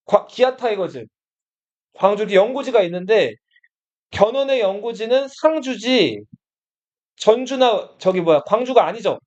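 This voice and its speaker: A man's voice: sits high, expressive, normal speed, long pauses, darkish tone. A man teaching a Korean history lesson to students in a classroom. He keeps asking the class questions and then answers them himself. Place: study room classroom. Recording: dull lo-fi classroom recording.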